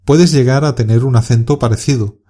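A man with a Castilian Spanish accent reads a scripted podcast lesson for learners. His voice is mellow and warm, pitched in an ordinary middle range. He explains calmly and clearly and urges learners on. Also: brisk. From Spain. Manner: calm, clear, encouraging explanation. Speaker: Spanish teacher.

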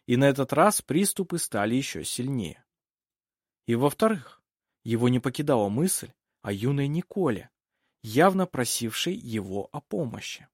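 A man narrating an audiobook in a calm storytelling manner. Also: mid-range voice, normal speed, breathy edge, dry recording, clean studio sound. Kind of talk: scripted narration.

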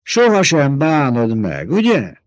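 A man's voice: medium pitch, huge pitch swings, no room sound, voice pushed up. A man voicing a stern, scornful old woman who mocks and scolds in a domineering way. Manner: mocking and domineering.

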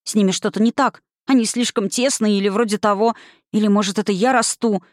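A woman's voice: medium pitch, steady tone, brisk, no room sound, studio quality, lightly acted. A woman reading an audiobook, voicing a frightened little girl who pleads and stammers. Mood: frightened, pleading.

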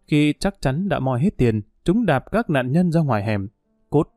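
A man's voice: a little high, very animated, moderate pace, darkish tone, no echo, clean studio sound, soft background music. Man narrating a crime story.

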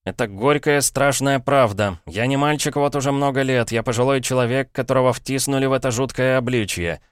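A male reader voices a desperate elderly man trapped in a schoolboy's body. He talks high, strained and insistent, as if nobody will believe him. The audiobook recording is smooth and dry. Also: fairly quick, no room sound, lightly acted. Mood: bitter. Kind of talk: audiobook character reading.

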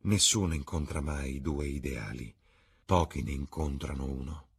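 A man's voice: rumbling low, normal speed, vocal fry, slightly rough, pitched below the performer's own voice, heavily acted. A man reading the part of an earnest, melancholy painter in an audiobook, in a rueful tone.

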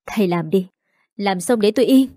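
A woman's voice: medium pitch, moderate pace, dark tone, dry recording, clean studio sound, close to an everyday voice. A woman voicing a defiant, bitter young female student who pushes back hard.

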